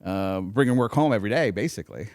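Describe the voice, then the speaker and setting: A man's voice: fairly low pitch, animated, fast talker, darkish tone, dry recording, studio quality. A man hosting a boxing interview show, asking rambling questions full of fillers and "right?" tags. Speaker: podcast host. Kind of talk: casual interview chat.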